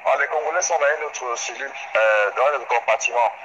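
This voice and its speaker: A man on a phone call who speaks briskly and keeps repeating his questions. His voice comes through a phone line. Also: medium pitch, sharp tone. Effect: muffled phone line. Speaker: person answering a phone call from Libya. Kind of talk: phone conversation. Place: on the far end of a phone call. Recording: muffled noisy phone line.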